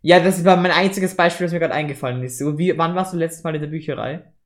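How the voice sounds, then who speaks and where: A man's voice: a little high, fast. A young man chatting candidly and casually with a friend. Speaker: co-host. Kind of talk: casual chat.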